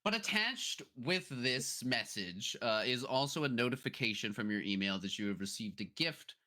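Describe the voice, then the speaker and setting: Narrating a tabletop role-playing session as game master, a man uses an animated, mid-range voice with a sharp tone. His manner is casual, full of fillers and drawn-out names.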